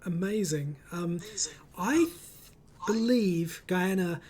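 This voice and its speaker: Speaking slowly in a medium-pitched, somewhat dark and expressive voice, the host of a casual online group chat reads out comments over a voice call. The manner is encouraging and reassuring, with slight background noise.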